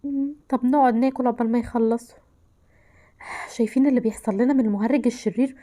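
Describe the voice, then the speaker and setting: A woman's voice: on the high side, fairly even intonation, racing, mellow. A woman with an Egyptian Arabic accent, commenting while she plays a horror game, frightened and exclaiming, often dropping into whispers. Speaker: gameplay narrator.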